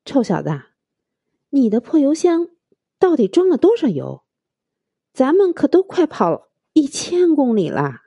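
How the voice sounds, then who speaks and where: A woman's voice: high-pitched, wildly swooping pitch, measured pace, long pauses, mellow, no room sound, dull audio, voice pushed up, heavily acted. A woman voicing a bossy young woman who taunts and gives orders in a storybook tale. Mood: puzzled. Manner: taunting, commanding.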